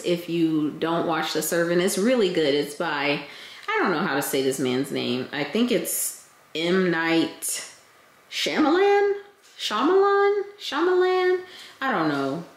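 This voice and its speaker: Slightly raspy woman vlogging, low voice. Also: a little slow, echoey room. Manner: chatty, relaxed, frequent ums. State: recovering from illness, a bit hoarse. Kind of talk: casual vlog chat to camera. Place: at home, indoors.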